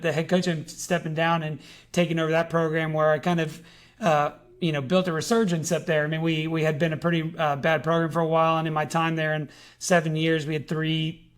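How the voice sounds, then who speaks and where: A man in his late thirties from Georgia, a high school coach telling his story in a podcast interview, earnest with many fillers and restarts. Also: flat delivery, a little fast.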